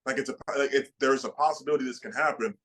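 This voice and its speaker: A man in his late twenties, a bodybuilder guest, answering interview questions in an excited way with many repeated starts. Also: medium pitch, fast, poor audio. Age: 20s.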